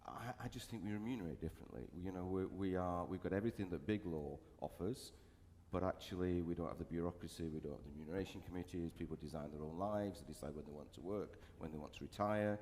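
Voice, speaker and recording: Very deep-voiced man speaking on a panel. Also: fast talker, a little mellow, slight background noise. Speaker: panelist, law firm founder. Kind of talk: panel discussion. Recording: reverberant hall with faint ambience.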